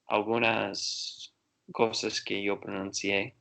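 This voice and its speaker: A man's voice: lowish voice, little pitch movement, slow pace, creaky, pushed and bright. A man learning Spanish on a video call, reading aloud carefully and asking his tutor questions.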